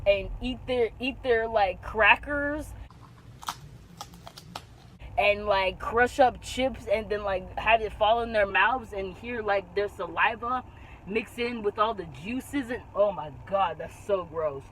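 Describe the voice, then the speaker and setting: A young woman vlogging in a casual chat, animated and slangy, leaning hard on "bro" and "like.". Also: mid-range voice, slow pace, a little hiss or hum, rough recording.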